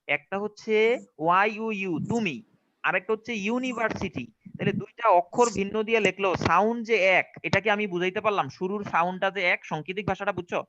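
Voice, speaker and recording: In an online classroom lesson, a man with a Bangladeshi Bengali accent teaches English pronunciation, frequently asking questions to check whether the class follows. His voice is high, quick, and a bit bright, and the recording's highs are cut off.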